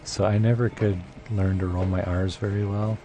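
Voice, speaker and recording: This game streamer has a low voice that stays level and moves at a moderate pace. Chatting casually with viewers while he plays, he thinks out loud in a rambling way, leaning heavily on fillers.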